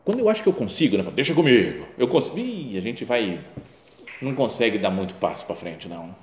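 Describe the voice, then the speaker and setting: A man's voice: on the low side, big pitch swings, quick pace. A man with a Brazilian Portuguese accent, a priest preaching a sermon in a conversational way, acting out quoted voices and often adding tag questions. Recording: echoey room with faint ambience.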